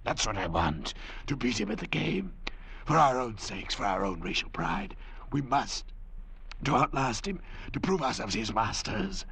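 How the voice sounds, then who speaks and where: An actor playing a calculating, persuasive doctor who leads desperate castaways, in an earnest, theatrical manner. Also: male voice, medium pitch, sing-song, unhurried, vocal fry, fairly bright tone, breathy edge, heavily acted. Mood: earnest, resolute. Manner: earnest, oratorical, controlling. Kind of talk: theatrical drama acting.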